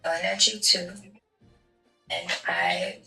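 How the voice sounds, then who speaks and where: Gravelly woman roleplaying a game character. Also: on the low side, big pitch swings, pushed and bright, echoey room, recorded from a distance, faint music behind, poor audio. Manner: emotional, apologetic, halting. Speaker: roleplay gamer.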